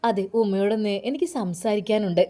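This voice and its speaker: A woman's voice: medium pitch, a little fast, dark tone, natural voice. A woman voicing a young female lawyer who speaks in a soothing yet firm way. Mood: gentle. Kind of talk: storytelling with acted dialogue.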